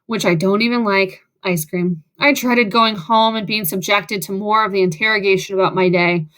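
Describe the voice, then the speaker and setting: A woman's voice: mid-range voice, fairly even intonation, normal speed, fairly bright tone. Wry woman narrating an audiobook. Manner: wry and sarcastic. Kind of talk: first-person audiobook narration.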